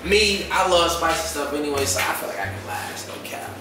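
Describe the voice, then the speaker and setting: A man in his twenties chatting casually in street slang to camera, hosting a food challenge vlog in an animated, exclaiming way. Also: fairly high pitch, brisk, recorded from a distance. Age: 20s. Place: home kitchen, indoors. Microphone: camera a few feet away. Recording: very echoey room, off mic, music behind. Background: music.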